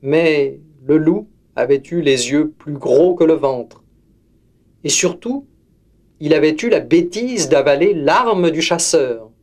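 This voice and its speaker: A man reading a fairy tale aloud as narrator, slow and expressive. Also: on the high side. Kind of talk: storybook reading.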